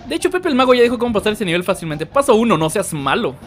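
A young man with a Mexican Spanish accent, telling funny stories and commenting on gameplay with loud, animated outbursts. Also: high-pitched, very fast, soft background music. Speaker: gaming streamer. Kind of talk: comedic storytelling and gameplay commentary.

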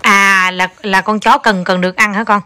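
A young woman, a mother playing at home with her small child, coaxing and chatting quickly and now and then singing soft lullaby lines. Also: medium pitch, fairly even intonation, smooth. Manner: fast, coaxing talk with soft sung lullaby bits. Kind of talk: casual home chat with a child.

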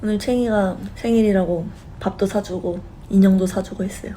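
Young woman, live-stream host, loose friendly chat, laughs a lot, warm low-key timbre, faint background noise. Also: fairly even intonation, a little fast, low-quality recording. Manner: chatty and giggly, laughing often.

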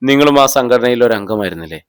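A man's voice: mid-range voice, animated, fast, no echo, close to an everyday voice. A man reading the lines of a persistent police officer interrogating a suspect with pointed questions. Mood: probing. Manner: probing, pressing questions.

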